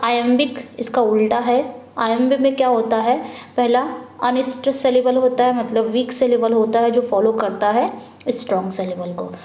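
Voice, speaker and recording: Echoey, higher-voiced woman teaching an exam lesson. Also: dark tone. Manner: asks and answers her own questions, repeating each answer; mixes Hindi with English terms, reads questions out slowly. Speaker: English exam-prep teacher. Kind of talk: online lesson, working through a practice paper. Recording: echoey room.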